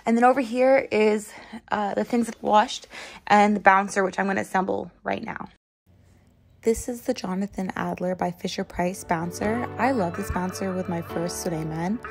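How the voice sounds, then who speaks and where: A woman's voice: medium pitch, moderate pace, creaky. A young woman in late pregnancy, chatting casually as she shows items one by one in a vlog. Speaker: vlogger. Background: background music.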